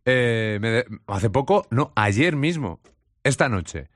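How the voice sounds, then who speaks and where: A man, hosting a radio show and telling anecdotes in a lively, laughing way. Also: mid-range voice, slow, dry recording, studio quality. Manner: animated storyteller, laughs often. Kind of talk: casual chat.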